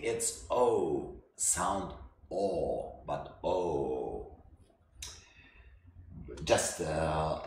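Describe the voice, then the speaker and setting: A man who is not a native English speaker teaches a language lesson in halting English, repeating himself with many fillers. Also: low-pitched. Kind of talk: slow spoken language lesson. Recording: echoey room with faint noise.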